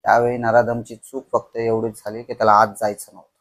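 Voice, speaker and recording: Man narrating a horror story slowly. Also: medium pitch, completely flat delivery. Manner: slow, dramatic, hushed at tense moments.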